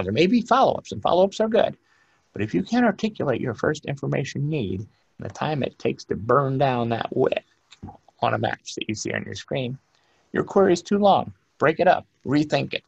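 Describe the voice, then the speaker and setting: A man's voice: medium pitch, gravelly, slightly rough, no echo, lo-fi sound. A man giving a conference lecture as a librarian and archivist, emphatic and direct, with rhetorical questions.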